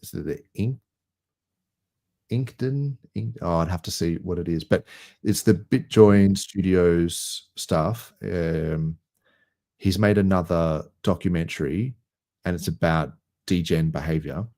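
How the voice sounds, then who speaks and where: A man hosting a casual crypto livestream, relaxed and rambling, laughing easily. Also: low voice, unhurried. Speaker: host.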